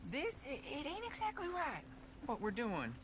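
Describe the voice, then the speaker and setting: An actor playing a nervous, evasive American debtor who stammers and hesitates in a video game. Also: male voice, extremely high pitch, huge pitch swings, normal speed, background noise, full character voice. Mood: uneasy, evasive. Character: nervous, evasive male debtor with shaky morals.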